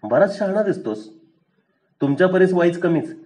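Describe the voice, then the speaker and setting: A man's voice: high voice, lively intonation, moderate pace, mellow, voice pushed up. A man doing an exasperated scooter rider. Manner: impatient, irritated, bargaining.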